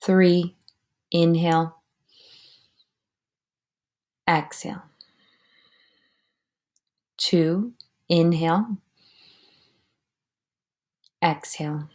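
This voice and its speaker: Slow, low-voiced woman guiding meditation. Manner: calm, measured, often trailing into breathy near-whisper. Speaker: meditation guide. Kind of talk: guided breathing meditation, slow instruction and counting.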